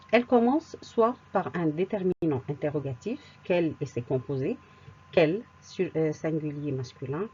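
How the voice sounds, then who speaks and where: Woman teacher, low warm voice with a husky edge, deliberate grammar-lesson delivery, lo-fi sound. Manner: slow and deliberate, repeats words, hesitant fillers. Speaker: French teacher. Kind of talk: grammar lesson explaining rules with examples.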